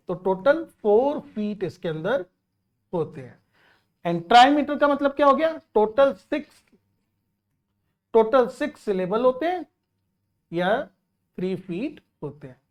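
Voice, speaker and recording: A woman's voice: on the high side, lively intonation, slow, pauses often, darkish tone, highs cut off. A woman teaching literature, explaining a poem patiently and counting out syllables, switching between Hindi and English.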